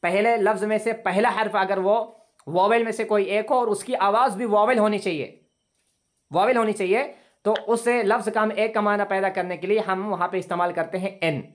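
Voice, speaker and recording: A man with a high-pitched, steady voice teaches English online over a video call through his computer mic. He patiently explains grammar rules and slowly repeats words for his students.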